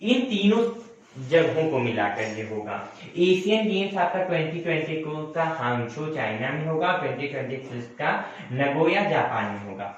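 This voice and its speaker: A man's voice: fairly high pitch, sing-song, moderate pace. A young man teaching a coaching lesson, repeating points and correcting himself as he addresses students as friends. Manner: repetitive, self-correcting, addresses viewers as friends. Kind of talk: classroom lecture. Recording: very echoey room, distant mic, dull sound.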